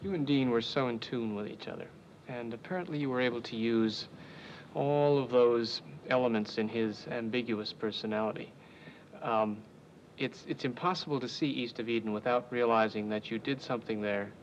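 A man's voice: mid-range voice, moderate pace. A man hosting a TV interview, asking probing questions and sometimes fumbling his words. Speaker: interviewer, TV host. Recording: dull 1970s TV broadcast audio, faint hiss.

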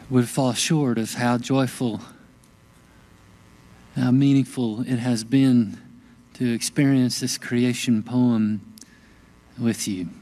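A male pastor preaching a sermon in a church service, speaking slowly and deliberately and dropping to a hushed whisper on key words. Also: mid-range voice. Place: church sanctuary during a worship service.

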